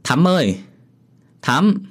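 A man's voice: on the low side, expressive, normal speed, slightly rough. A man voicing a pushy older mother who scolds and nags her grown son, in an audio horror story. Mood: calling out. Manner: nagging, chiding.

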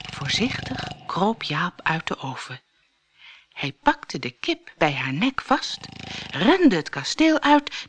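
Expressive woman reading a fairy tale. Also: fairly low pitch, no echo. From Netherlands. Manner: expressive, dramatic storytelling. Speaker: storyteller. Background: background music.

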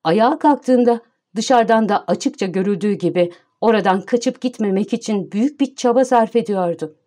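A woman narrates a scripted audiobook at a steady, measured pace. Her mid-pitched voice stays even, and her storytelling tone remains calm throughout.

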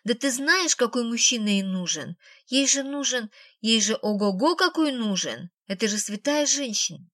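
A woman's voice: fairly high pitch, lively intonation, normal speed, a bit bright, no echo, studio quality. A woman voicing a strict, talkative grandmother who fusses over her family, in an audiobook. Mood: chatty. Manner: bossy, fussing, talkative.

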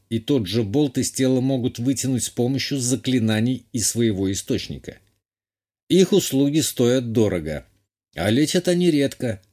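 A man reading a first-person fantasy audiobook in a measured, even way. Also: medium pitch. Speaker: audiobook narrator. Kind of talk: scripted first-person narration.

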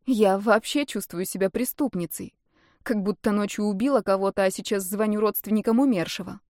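A woman's voice: medium pitch, a little fast, darkish tone, no room sound, clean studio sound, natural voice. A woman reading aloud voices a guilty, anxious young woman who speaks hesitantly and sighs. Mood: uneasy. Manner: hesitant, sighing.

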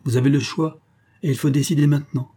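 A male narrator voicing a weak, recovering Italian nobleman in exile who speaks calmly and firmly. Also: mid-range voice, husky, natural voice. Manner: calm, measured, decided.

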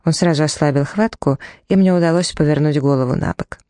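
A woman's voice: low-pitched, fairly quick, dark tone, no echo, clean studio sound. A woman reading a novel aloud in the first person, dramatically, acting out the dialogue as she tells it. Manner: dramatic, voicing dialogue in the telling. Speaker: audiobook reader.

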